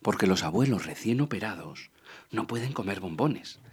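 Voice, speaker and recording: Man, playful storyteller, husky voice, lively pitch. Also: normal speed. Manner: playful, lively, swings between loud and hushed. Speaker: storyteller and podcast host. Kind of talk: expressive reading of a children's story.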